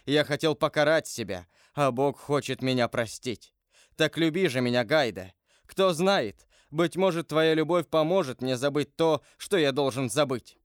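A man reading an audiobook aloud and voicing a grave, brooding nobleman who speaks in a solemn, measured way. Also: a little high, lively intonation, clean tone, no room sound, studio quality, close to an everyday voice. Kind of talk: audiobook character voice.

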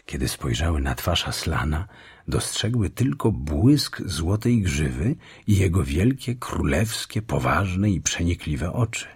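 A man narrating a children's fantasy audiobook in slow, measured storytelling. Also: low voice, big pitch swings, slightly rough. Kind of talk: scripted narration.

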